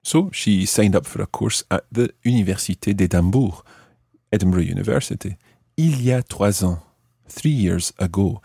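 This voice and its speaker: This is a deliberate language lesson from a man with a low, clear, mellow voice, moving back and forth between explanations and French examples. The audio is dry and close, with no room sound.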